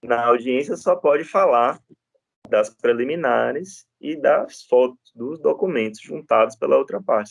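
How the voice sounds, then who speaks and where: A man's voice: medium pitch, creaky, no echo. A man lecturing on law, telling stories from his practice with frequent tag questions and restarts. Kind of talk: classroom lecture with anecdotes.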